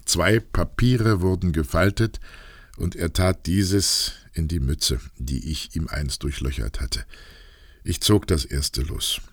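A troubled aristocratic count, read by a man with a very low, gravelly voice. He tells his story in a grave, confessional manner. The dry recording has no room echo. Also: slow pace, heavily acted. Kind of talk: audiobook reading.

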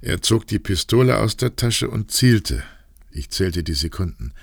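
A troubled aristocratic count, read by a man with a very low, gravelly voice. He tells his story in a grave, confessional manner. The dry recording has no room echo. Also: expressive, measured pace, exaggerated voice. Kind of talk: audiobook reading.

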